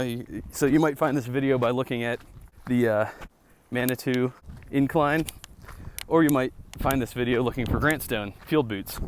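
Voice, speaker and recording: A man's voice: mid-range voice, slight background noise. A man talking in a casual, rambling vlog style, informal and reflective, thinking aloud outdoors on a hiking trail. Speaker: vlogger and boot reviewer.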